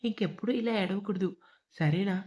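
This is a caring, slightly bossy young man from a spoken love story, read by a woman. He coaxes and teases rather than shouts. The voice stays mellow and unforced. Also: medium pitch, moderate pace, dull audio, close to an everyday voice. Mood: coaxing. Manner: coaxing, teasing, gently commanding.

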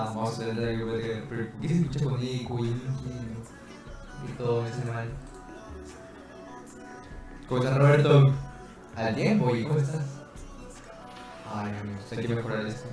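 Speaking at a moderate pace with a steady tone and frequent pauses, this man chats in a playful, casual way during his game stream and calls out viewers by name to thank them. The recording has a booming, canyon-like echo, his voice set back from the mic, and faint music in the background.

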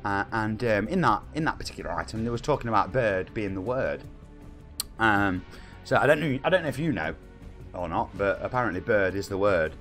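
A man's voice: lowish voice, animated, a little fast, fairly bright tone, soft background music. A man in his forties with a Nottingham accent, chatting casually on a live stream and reading viewer comments aloud in a cheeky way. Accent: Nottingham English. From England. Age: 40s.

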